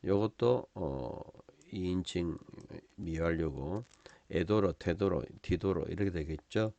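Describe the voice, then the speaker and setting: A man teaching a Bible lesson on Hebrew words, explaining each one slowly with many fillers and tag questions. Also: low voice, gravelly, dark tone, no echo, dull audio.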